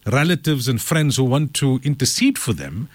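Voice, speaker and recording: Lively man teaching Quran commentary. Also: mid-range voice, no echo. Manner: recites Arabic verses rapidly, then explains in English; animated, dramatizes the verses.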